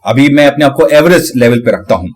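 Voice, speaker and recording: A man giving a casual tutorial on pronunciation, breaking hard words into syllables and repeating them slowly. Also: medium pitch, animated, a little mellow. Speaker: channel host.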